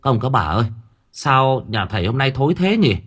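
A man voicing a nosy village neighbor who asks questions quickly. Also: medium pitch, very animated, a bit bright, breathy edge. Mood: disgusted.

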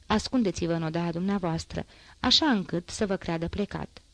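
A woman voicing a stern male police inspector who gives quick, firm orders, in an audiobook reading. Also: lowish voice, fairly bright tone, no echo.

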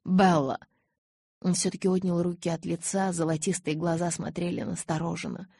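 A woman's voice: fairly low pitch, level tone, fairly quick, vocal fry, mellow, husky, no room sound, clean studio sound. A woman narrating a novel in the first person, telling the story expressively. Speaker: audiobook narrator.

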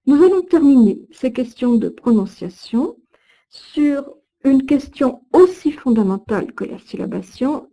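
Lady reading a recorded lesson, slow careful words, every syllable stressed. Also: a little high, warm tone, rough recording. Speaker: teacher of Old French. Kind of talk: recorded course lesson with recited verse.

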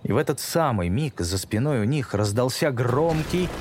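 Guy reading a kids fantasy audiobook, steady and measured, music bed behind. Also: mid-range voice. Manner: measured, slowing for dramatic moments. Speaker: narrator. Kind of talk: audiobook narration. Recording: music bed under narration.

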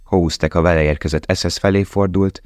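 A man reading a novel aloud in a calm, measured way. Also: deep voice, no echo, clean studio sound. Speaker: audiobook narrator. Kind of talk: scripted narration.

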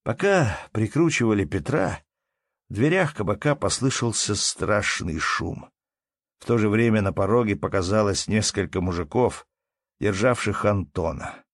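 A man reading a literary audiobook in a measured, expressive way. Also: deep voice, no room sound, studio quality. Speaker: audiobook narrator. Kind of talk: scripted literary narration.

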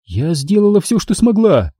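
A sardonic young woman, quick to anger and dry in her humor, voiced by a male narrator. The voice is lifted well above his own and swings widely in pitch. It sounds close and dry. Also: wildly swooping pitch, dark tone, slightly rough, no echo, full character voice. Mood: sullen. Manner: indignant, sardonic. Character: sharp-tongued young woman, café owner's daughter. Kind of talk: audiobook reading.

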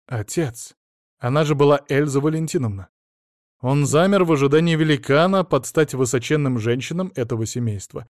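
A man narrating an audiobook in a measured, expressive reading. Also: mid-range voice, no echo, clean studio sound.

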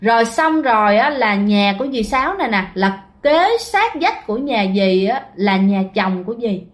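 With a fairly high pitch and a very animated delivery at moderate pace, a woman narrates a ghost story in an informal, chatty style. Much of it is addressed directly to her listeners.

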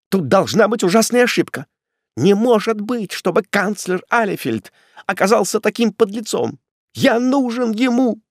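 A man voicing a terrified male prisoner, a fallen judge who begs for his life in a shrill, panicky voice. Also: darkish tone, dry recording, clean studio sound. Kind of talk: audiobook character voice.

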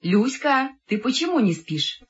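A woman voicing a caring mother, speaking lower, soft and calm. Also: unhurried, breathy edge, heavily acted. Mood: stern. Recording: dull lo-fi with music behind.

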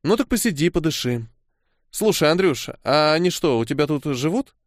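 A male narrator doing a brisk, bossy wife with an animated voice. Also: a little high, no room sound, studio quality, lightly acted. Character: bossy wife, practical, fussing over her son.

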